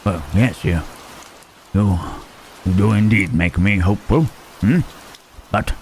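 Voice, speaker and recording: Man voicing deep, halting Frankenstein's Monster. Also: a little mellow. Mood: tentatively hopeful. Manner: halting, hesitant, repeats words, murmured tag questions. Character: lonely, humble, gentle-hearted male monster, Frankenstein's creature. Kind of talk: slow intimate ASMR roleplay acting. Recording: rain and thunderstorm noise behind. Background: rain and thunder.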